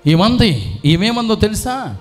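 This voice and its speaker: A man's voice: high voice, very animated, slow pace, soft background music. A man with a Telugu accent, a priest preaching a dramatic sermon full of rhetorical questions. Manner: dramatic storytelling, rhetorical questions, sudden rises to near-shouting. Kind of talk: sermon with acted quotes.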